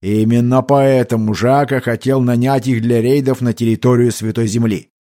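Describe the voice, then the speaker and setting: A mustached army captain drawls his words and barks commands with slow weight, as a male reader puts him on. He sounds stern and in charge, a storybook soldier. The pitch sits mid-range. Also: fairly even intonation, mellow, natural voice. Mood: stern, mocking. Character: mustached army captain, stern but amused, older man.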